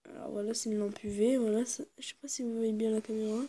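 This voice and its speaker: A woman casually presenting her fishing lures to the camera, hesitant and full of fillers, sometimes dropping into quiet asides. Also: fairly high pitch, steady tone, quick pace. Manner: hesitant, constant fillers and "voilà"; drops into quiet muttered asides. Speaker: fishing video maker.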